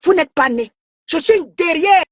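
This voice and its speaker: Shouting confrontational woman, very high voice. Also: expressive, normal speed, no echo, studio quality. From Cameroon. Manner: repeats words and stammers. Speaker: social media commentator. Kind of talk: heated live rant.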